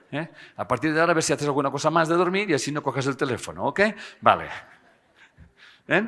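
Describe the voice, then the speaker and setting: Animated man lecturing, bright voice. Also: medium pitch. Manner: animated, tags phrases with "¿eh?" and jokes with the audience. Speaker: speaker giving a seminar. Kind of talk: live talk to an audience.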